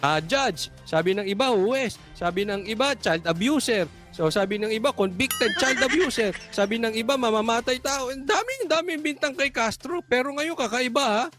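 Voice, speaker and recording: A man's voice: extremely high pitch, normal speed, few pauses, over music. A man giving political reaction commentary, mocking and sarcastic, firing off rhetorical questions.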